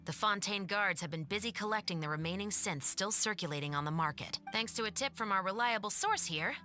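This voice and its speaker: A calm principled captain. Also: female voice, medium pitch. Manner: calm, measured, matter-of-fact. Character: steady, principled female security captain, adult. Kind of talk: game cutscene voice acting. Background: soft music.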